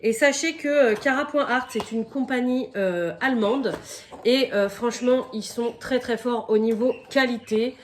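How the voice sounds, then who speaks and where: A fairly high-voiced woman chats her way through an unboxing, casual and rambling, with a slight croak from a cold. She pads her talk with little fillers and breaks off to cough and apologize, over a faint hiss with small clicks. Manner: chatty, fills pauses with "donc" and "euh"; coughs and apologizes now and then. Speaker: crafting vlogger.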